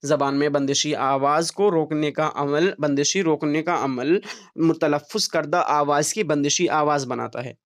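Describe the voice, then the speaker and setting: A young male teacher giving an exam-prep lecture, explaining step by step and checking in with his students as he goes. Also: a little high. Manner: explains step by step, keeps checking in with "theek hai".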